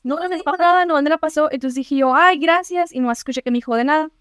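A young Mexican woman co-hosting a podcast, telling a story in casual, slangy, animated chat. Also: high-pitched, very fast, dry recording, studio quality. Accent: Mexican Spanish. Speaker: podcast co-host.

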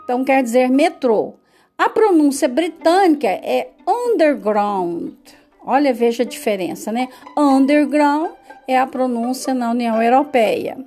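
A woman's voice: high-pitched, moderate pace, dark tone, faint music behind. A Brazilian woman with a Brazilian Portuguese accent, teaching English vocabulary in a casual way, repeating words and adding frequent tag questions. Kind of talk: casual lesson monologue.

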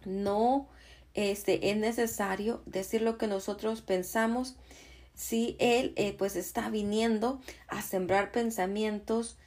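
A woman preaching a Bible lesson, pausing with many "eh" fillers and checking in with "¿sí?" as she quotes verses. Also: medium pitch, darkish tone. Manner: unhurried, many "eh" fillers and tag "¿sí?"; quotes and cites scripture verses. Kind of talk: Bible teaching.

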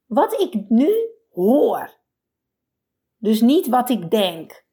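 A woman hosting a motivational podcast as a burnout coach, talking in an energetic, emphatic coaching tone. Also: fairly high pitch.

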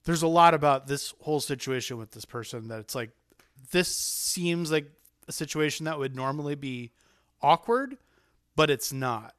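Male podcast host, medium pitch, rambling casual chat, dry close sound. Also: moderate pace, clean tone, dry recording. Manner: rambling, self-interrupting, animated.

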